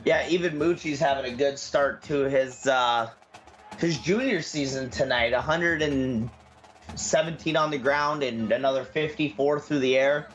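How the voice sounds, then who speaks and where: A man doing color commentary for an online football game, offering relaxed analysis with a bit of self-deprecation. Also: medium pitch, unhurried, soft background music, low-quality recording. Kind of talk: sports commentary.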